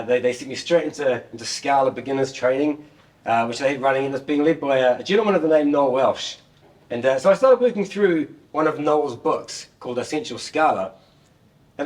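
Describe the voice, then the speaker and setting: Distant-miked New Zealand man presenting. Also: mid-range voice. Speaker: software developer giving a talk. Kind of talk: informal tech presentation. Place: indoor meeting room, standing at a laptop beside a screen. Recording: distant room microphone.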